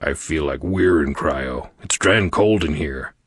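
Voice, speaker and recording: A man voicing a huge, gruff male alien crewman in an audiobook, talking low and blunt. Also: measured pace, fairly bright tone, no echo, clean studio sound, full character voice. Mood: grumbling.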